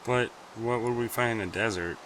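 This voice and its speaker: A man's voice: medium pitch, normal speed, background noise. A young man co-playing a game, answering in short, laid-back replies. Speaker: co-player. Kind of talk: casual gameplay chat.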